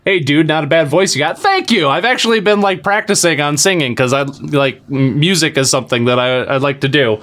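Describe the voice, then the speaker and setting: A man streams a retro game and chats loosely with his viewers, tossing in fillers and the occasional swear word. His voice sits a little high and sounds slightly bright, and he talks briskly with almost no pauses.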